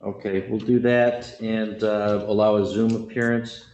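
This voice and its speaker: A man serving as judge in a courtroom, speaking haltingly with many fillers and self-corrections. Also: fairly low pitch, flat delivery, a little mellow. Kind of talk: courtroom proceedings. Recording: echoey, dull courtroom audio with faint noise.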